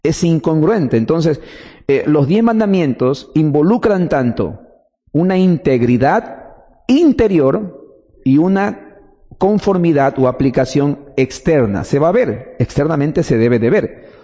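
A man's voice: on the high side, animated, unhurried, mellow, husky, big-room sound. A man preaching a teaching sermon, explaining step by step and answering his own questions.

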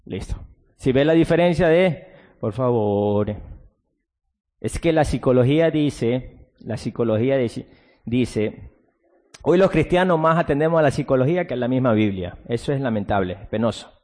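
Male pastor preaching in a reverberant hall. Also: medium pitch. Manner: preaching with sudden loud outbursts and drawn-out emphasis; acts out mocking soft-spoken quotes. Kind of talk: sermon. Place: church.

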